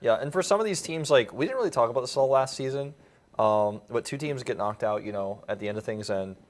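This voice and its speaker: A man's voice: mid-range voice, brisk. A man casting an esports match, chatty and joking, with lots of fillers. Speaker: esports caster. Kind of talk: casual esports commentary.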